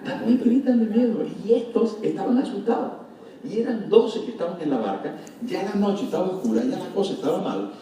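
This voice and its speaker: A pastor with a strikingly high voice preaches to his congregation, calling out to them and acting out frightened shrieks. His voice rings through a heavily reverberant hall. The mic sits some distance away, with a faint hum of noise behind. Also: animated, fairly quick, warm tone. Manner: preaching with call-outs to the congregation. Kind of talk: sermon.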